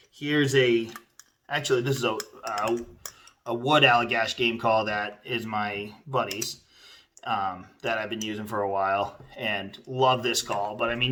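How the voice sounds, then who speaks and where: Man, bright punchy voice, mid pitch, casual review vlog, informal and rambling. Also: slight background noise. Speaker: product reviewer.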